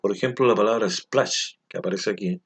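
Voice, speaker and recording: Husky and lowish in pitch, a man's voice guides children through a recorded language lesson. He takes his time, explaining patiently and checking often that the listener follows along.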